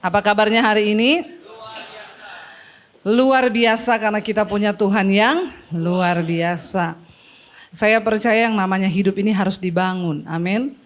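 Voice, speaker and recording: A woman's voice: medium pitch, fairly even intonation, a little slow, long pauses. A woman pastor preaching a sermon to her congregation, exhorting them in call-and-response and mixing casual asides with formal prayer.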